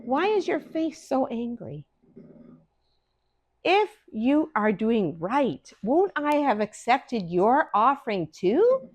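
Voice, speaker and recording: A woman voicing God as a solemn, stern male judge, speaking slowly and gravely to children. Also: on the high side, big pitch swings, voice pushed up, exaggerated voice.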